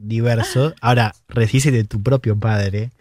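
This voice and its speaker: Teasing Argentine radio co-host. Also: male voice, medium pitch, fairly even intonation, moderate pace, a little mellow. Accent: Rioplatense Spanish. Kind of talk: casual radio chat.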